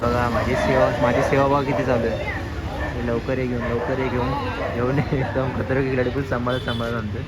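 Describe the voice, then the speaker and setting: A man's voice: mid-range voice, flat delivery, fairly quick, over a noisy crowd, rough recording. A young man vlogging casually from his motorcycle, joking and rambling in a self-mocking, chatty way. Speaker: motovlogger. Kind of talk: casual rambling vlog chat. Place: outdoors on a motorcycle on city roads. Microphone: newly bought vlogging mic. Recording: loud traffic and engine noise. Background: motorcycle engine and street traffic.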